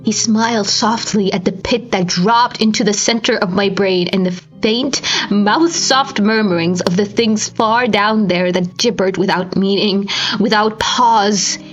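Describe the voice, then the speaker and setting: With faint music playing behind her and a muffled sound to the recording, a woman reads a horror story aloud at an unhurried pace. She is an amateur audiobook narrator with a medium-pitched voice, and her dramatic, scripted delivery is intense and theatrical, full of breathy whispers and strained cries.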